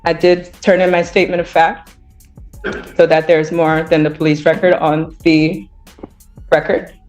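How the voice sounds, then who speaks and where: A woman speaking as a defendant, halting and insistent, in a courtroom recording. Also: low-pitched, little pitch movement, a little mellow, soft background music.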